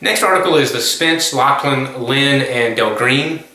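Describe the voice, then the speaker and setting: A male course instructor giving a recorded online lecture, measured and explanatory, with frequent ums and self-corrections. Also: medium pitch, animated, bright, forceful tone. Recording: very echoey room.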